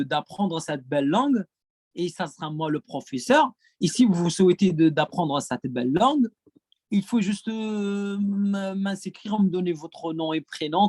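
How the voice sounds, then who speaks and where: This Gazan man, a native Arabic speaker working as a French teacher, responds to conference questions in accented French, full of hesitation and repeated words. His high-pitched voice is a little mellow and measured in pace, with no echo.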